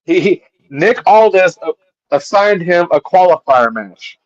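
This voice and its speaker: A man's voice: high-pitched, lively intonation, unhurried, lo-fi sound, a crowd in the background. A man hosting a casual live-stream show, recapping wrestling events at length with stumbling restarts.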